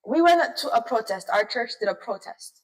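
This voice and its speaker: A young woman, her voice high and bright in pitch. She tells her story quickly and with emphatic energy in a casual chat. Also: animated, poor audio. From United States. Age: young adult. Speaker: co-host.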